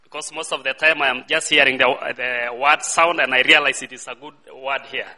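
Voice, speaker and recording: A man's voice: mid-range voice, steady tone, moderate pace, sharp tone, big-room sound. A Kenyan man with a Maa first language, speaking English in short phrases as a guest in a church service, waiting for his interpreter. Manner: short phrases, calls and responses with the audience.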